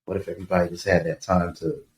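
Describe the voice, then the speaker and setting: A man from Tucson, Arizona, a guest author, talking in a relaxed, reflective way on a podcast. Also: deep voice, fast talker. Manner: reflective, easygoing, uses "you know" a lot. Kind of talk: casual podcast interview. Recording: echoey room with faint background noise.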